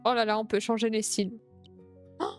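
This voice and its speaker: A young woman streamer chatting excitedly while playing a game, gushing over everything she sees. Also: a little high, normal speed, soft background music. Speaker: Twitch streamer. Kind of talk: casual gameplay streaming.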